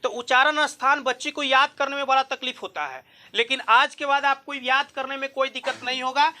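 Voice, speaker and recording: A man's voice: very high voice, steady tone, brisk, sharp tone. A man teaching a grammar lesson. He explains step by step, asking questions and answering them himself. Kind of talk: classroom-style Hindi grammar lesson.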